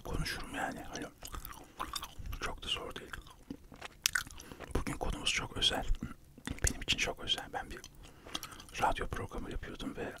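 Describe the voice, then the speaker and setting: A man whispering a relaxed ASMR chat while chewing gum, telling stories in a rambling, talkative way. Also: moderate pace, pauses often. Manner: chatty, rambling storytelling. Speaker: ASMR video creator.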